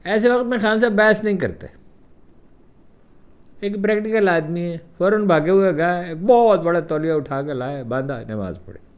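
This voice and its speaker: An older man with a Pakistani Urdu accent telling personal anecdotes in a lively way, acting out the quoted remarks. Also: high-pitched, smooth. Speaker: columnist recounting memories. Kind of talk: storytelling anecdotes.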